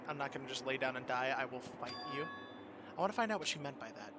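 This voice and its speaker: A man voicing a cool, blunt teenage girl detective in a flat, matter-of-fact manner while reading a visual novel aloud, with game music behind him. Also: mid-range voice, fast talker, noisy background, close to an everyday voice.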